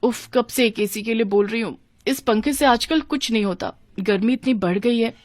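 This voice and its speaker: Woman doing a shrill, panicky young bride. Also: moderate pace, a little mellow, dry recording, studio quality, lightly acted. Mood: anxious. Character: frightened young newlywed wife.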